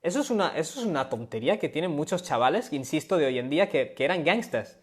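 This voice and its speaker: A man's voice: a little high, sing-song, fast talker, husky. A man teaching on a live stream, explaining step by step and often checking in with his listeners. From Spain. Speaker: Islamic studies teacher. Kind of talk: live-stream lecture with questions. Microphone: webcam or phone on a live stream.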